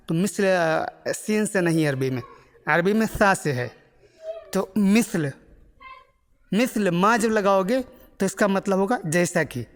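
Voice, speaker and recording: A man teaching Arabic words in a casual lesson, patiently repeating each phrase several times. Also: high voice. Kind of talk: casual spoken language lesson. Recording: long hall reverb with faint music.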